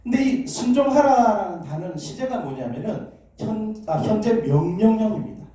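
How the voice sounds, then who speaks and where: A man's voice: sits high, animated, normal speed, warm tone. A man preaching a sermon in a church, drawing the congregation in with questions and calls for amens. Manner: call-and-response, asking questions and prompting amens. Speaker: pastor. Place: church sanctuary. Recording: echoey church hall, distant mic.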